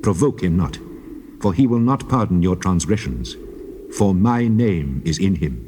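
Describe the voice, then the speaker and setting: In a dramatized scripture reading, a man plays the God of Israel as a solemn, commanding lawgiver with an authoritative air. His low, dark-toned voice has lively intonation and an unhurried pace, heard through the clear noise of an old cassette tape.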